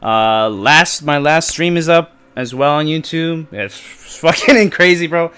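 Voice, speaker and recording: A man's voice: a little high, a little slow, bright, forceful tone, clear, resonant tone. A young man co-hosting a casual podcast with laid-back, slangy banter and frequent laughter. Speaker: podcast co-host and streamer. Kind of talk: casual group podcast chat.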